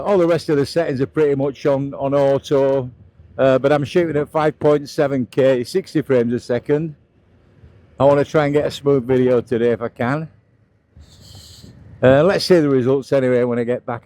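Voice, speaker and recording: Mellow middle-aged British man, casual riding commentary. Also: medium pitch, normal speed. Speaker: motovlogger narrating a ride. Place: outdoors, riding a scooter on roads.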